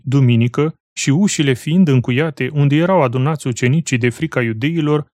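A man reading scripture aloud in a measured, solemn way, slowing for the quoted words. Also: fairly high pitch, darkish tone, no echo, studio quality. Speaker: Bible reader.

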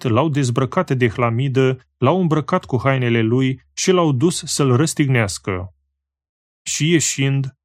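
A man reading scripture aloud in a solemn, slow and measured way, pausing phrase by phrase. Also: mid-range voice, dry recording. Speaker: scripture reader.

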